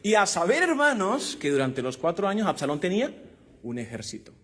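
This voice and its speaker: A man's voice: sits high, wildly swooping pitch, brisk, a bit bright, breathy edge. A man preaching a Bible lesson to a congregation, emphatic and calling out rhetorical questions and amens. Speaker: preacher teaching a Bible class. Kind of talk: sermon-style Bible lesson.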